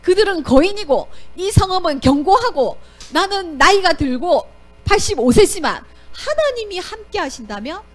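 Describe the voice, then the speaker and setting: A woman's voice: very high-pitched, sing-song, normal speed, pitched above the performer's own voice. A woman voicing Caleb, a brave and faithful Israelite man who eagerly says they can win. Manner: eager, encouraging.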